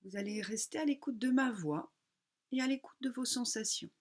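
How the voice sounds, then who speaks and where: In a slightly high voice, a yoga nidra teacher calmly guides listeners through relaxation. She uses short phrases, takes her time and leaves pauses.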